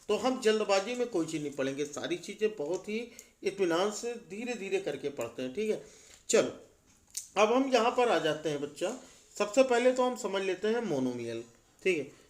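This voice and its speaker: Young guy teaching maths, pretty high voice, keeps asking "ok?" and answering himself. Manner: asks rhetorical questions, repeats "ठीक है" often; slows down on key terms, stresses answers low. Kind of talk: classroom lesson explanation.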